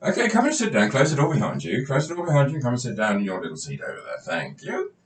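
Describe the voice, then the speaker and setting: A man's voice: mid-range voice, huge pitch swings, quick pace. Man doing a goofy doctor skit, chatty, repeats stuff, pretty far from the mic in an echoey room. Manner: chatty, hammy, repeats himself. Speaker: comic playing a doctor. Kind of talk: home-made comedy sketch. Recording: roomy, distant, faint noise.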